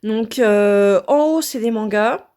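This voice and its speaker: A woman's voice: on the high side, slow pace, dark tone. A French woman in a casual vlog, showing her home craft room and hesitating often between thoughts. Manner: hesitant, lots of filler sounds. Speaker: vlogger.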